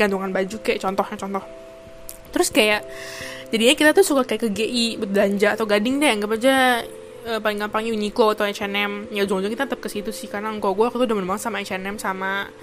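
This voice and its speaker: Fast-talking young woman vlogging. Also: a little high, fairly bright tone. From Indonesia. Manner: chatty, lots of fillers and English mixed in. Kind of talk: casual chat to camera.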